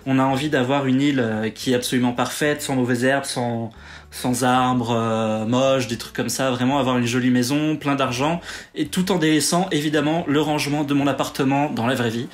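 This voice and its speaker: A man hosts a casual podcast chat from home over a remote call. His voice sits at an everyday middle pitch, and he rambles along with fillers and self-corrections. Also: steady tone, normal speed. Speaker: podcast host.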